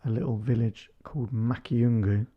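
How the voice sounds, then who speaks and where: Man, 30s, podcast co-host, teasing jokester, middle pitch, muffled audio. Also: fairly even intonation, moderate pace. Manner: joking, teasing. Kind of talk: casual couple chat.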